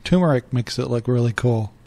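A man's voice: medium pitch, brisk, creaky, warm tone, no echo. An older man giving a plain, step-by-step voice-over for a home cooking video, matter-of-fact in tone. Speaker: cooking channel host. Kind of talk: voice-over narration.

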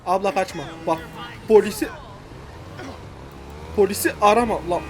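A man commentating his own game with loud, playful gangster bravado. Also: high-pitched, normal speed. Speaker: gameplay commentator. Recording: music bed under voice.

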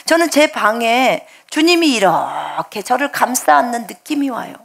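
A woman pastor preaching a sermon in a high, gravelly voice. She speaks earnestly and tells of her own faith. She voices her prayers aloud as if talking to someone right beside her. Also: sing-song, normal speed. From Jeolla, Korea.

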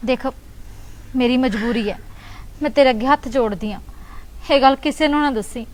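Casting: actress as a young sister-in-law, somewhat high-voiced, hushed and pleading, guarding a secret. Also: female voice, normal speed, natural voice, poor audio. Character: young married woman, secretive, anxious, pregnant bhabhi. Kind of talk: Punjabi web drama acting.

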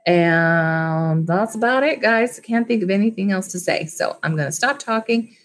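At normal speed and medium pitch, a woman in her thirties who works as a school library teacher reads a storybook to children and chats with them informally. A webcam or laptop mic at arm's length captures her in a small wood-panelled room at home.

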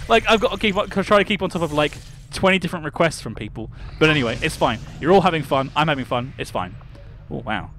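A young man from the United Kingdom livestreams a game, casually chatting, greeting his viewers by name and thinking aloud. His voice is on the high side and fairly bright.

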